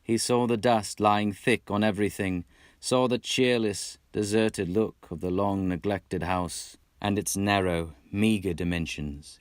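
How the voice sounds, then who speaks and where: The voice sits low: a man from Texas, United States, performing a classic storybook as an amateur audiobook narrator with an affected British accent. He reads expressively, and the recording is dry and studio quality.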